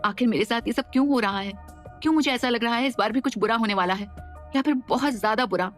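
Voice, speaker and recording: A woman voicing a young pregnant wife who swings between fright and fury, with a sharp, accusing manner. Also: a little high, lively intonation, quick pace, faint music behind, close to an everyday voice. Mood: anxious.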